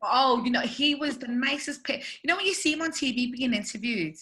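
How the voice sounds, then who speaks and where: Bright-voiced Scouse woman telling stories. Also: high voice, a little fast, slight background noise. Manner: animated storytelling with frequent laughter. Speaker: guest journalist and presenter. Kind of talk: video-call webinar interview.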